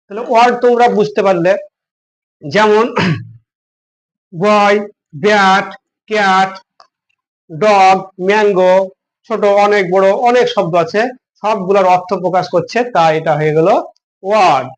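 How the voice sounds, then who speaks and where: A man's voice: high voice, fairly even intonation, measured pace, pauses often. A man teaching a grammar lesson, patiently spelling words out letter by letter and asking his students questions.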